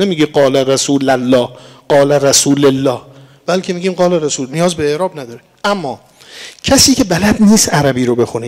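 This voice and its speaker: Male preacher, slightly higher voice, patient explanatory sermon delivery. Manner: explanatory, addresses listeners as dear ones, recites verse and Arabic.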